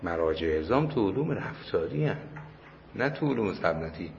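Low-voiced cleric lecturing in a hall. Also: male voice, very animated, vocal fry. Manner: conversational, anecdotal, emphatic repetition. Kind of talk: religious lecture. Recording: muffled hall recording with faint noise.

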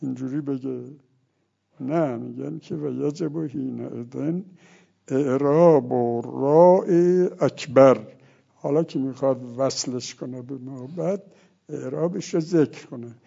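A man's voice: medium pitch, vocal fry, dark tone, slightly rough, dull audio. A man giving a seminary lecture on religious law, explaining step by step and reciting short Arabic phrases as examples.

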